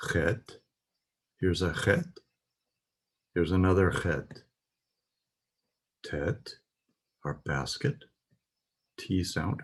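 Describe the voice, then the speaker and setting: Slow, deep-voiced man teaching letters. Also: vocal fry, breathy edge. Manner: patient, methodical, pointing things out in a text. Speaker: Hebrew teacher. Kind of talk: slow spoken alphabet lesson.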